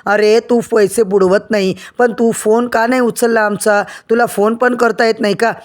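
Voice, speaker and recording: A woman voicing a rough, bearded male thug who has come to collect money. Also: fairly high pitch, fairly even intonation, normal speed, close to an everyday voice. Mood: demanding.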